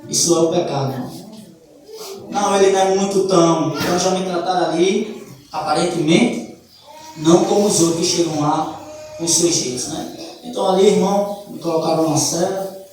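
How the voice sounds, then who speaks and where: A man's voice: high voice, a little fast, long pauses, a little mellow. A man with a Brazilian Portuguese accent giving a fervent church testimony, repeatedly calling his listeners brother. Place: church hall. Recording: very echoey church hall, distant mic, faint noise.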